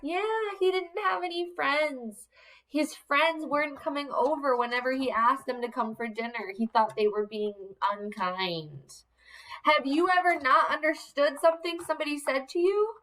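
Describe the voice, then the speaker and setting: A woman's voice: high-pitched, normal speed, fairly bright tone, poor audio. A woman teacher reading a picture book aloud to young children, coaxing them with questions.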